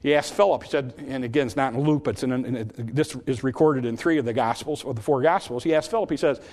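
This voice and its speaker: A man's voice: medium pitch, fast talker, a little mellow, big-room sound. A man teaching a Sunday school lesson, telling Bible stories and often repeating words as he starts his sentences.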